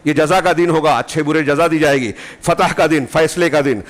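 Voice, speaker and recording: Man, indian urdu accent, friday sermon, fairly high pitch, fervent emphatic peaks. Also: steady tone. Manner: rising to fervent emphatic peaks, then dropping low; explains terms in repeated short phrases. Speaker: preacher. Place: mosque.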